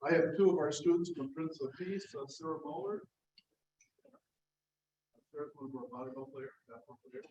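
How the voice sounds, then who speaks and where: A man's voice: fairly high pitch, brisk, pauses often, a little mellow. A man casually introducing guests at a club meeting, easygoing and informal. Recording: distant, dull hall sound with faint noise.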